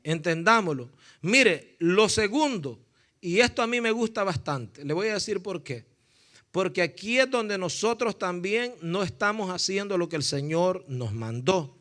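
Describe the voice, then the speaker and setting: High, bright-voiced male preacher. Fervent, calls listeners "brother", swings from shouting to storytelling. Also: animated, unhurried. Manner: addresses listeners as "hermano". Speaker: pastor. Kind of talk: sermon.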